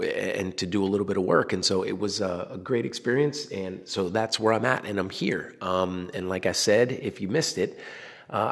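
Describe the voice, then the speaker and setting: A man hosting a casual solo podcast from a garage, talking in a conversational, explanatory way and sounding tired and a little rough. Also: low-pitched. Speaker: podcast host. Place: in a parking-style garage. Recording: echoey reverberant garage.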